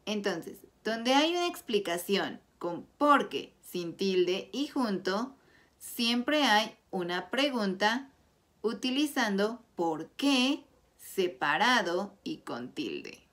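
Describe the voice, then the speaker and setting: Slow, deliberate Spanish teacher woman. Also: medium pitch, sing-song, fairly bright tone. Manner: clear, deliberate explanation with example sentences. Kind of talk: slow scripted grammar lesson.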